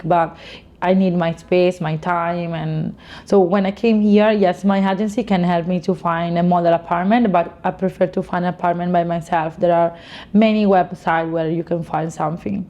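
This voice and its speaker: Mellow young Italian-accented woman. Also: on the low side, steady tone, moderate pace, highs cut off. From Italy. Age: late 20s. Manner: informal, non-native English phrasing with frequent "you know". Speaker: interviewee, fashion model. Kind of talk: casual interview answers.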